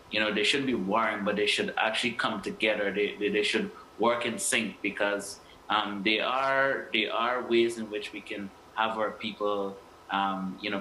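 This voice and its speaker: A man from Guyana answers questions as an interview guest, hesitating often with many fillers and restarts. His voice is fairly low-pitched with a sharp tone, and the recording comes from an echoey room with faint noise.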